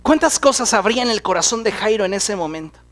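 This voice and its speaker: A pastor preaching with a very high-pitched voice. He tells Bible stories dramatically, slipping into the voices of the people in them. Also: animated, fast talker, a bit bright. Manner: dramatic storytelling, acting out characters' voices. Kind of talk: sermon.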